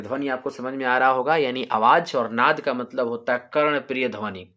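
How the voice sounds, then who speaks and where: A man teaching music theory for a harmonium lesson, explaining step by step and repeating each point. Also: medium pitch. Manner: sings sargam syllables louder as examples. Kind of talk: harmonium tutorial.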